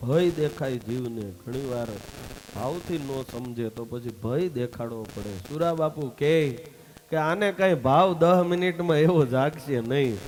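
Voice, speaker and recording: A man's voice: mid-range voice, unhurried, darkish tone, faint music behind. A man giving a religious sermon, telling a folk story and acting out its dialogue. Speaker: swami giving a religious discourse.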